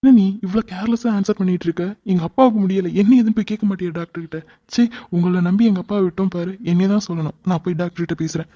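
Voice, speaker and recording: A man voicing a young cartoon son who is quick-tempered but devoted to his father. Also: high voice, steady tone, mellow, dull audio. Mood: angry. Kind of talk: cartoon voice acting.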